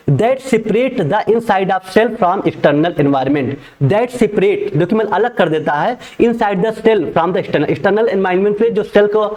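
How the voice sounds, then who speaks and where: High-voiced male teacher. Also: a little mellow. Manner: repeats each point in Hindi and English, reads English lines slowly. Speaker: pharmacy teacher. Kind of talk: exam-prep lecture.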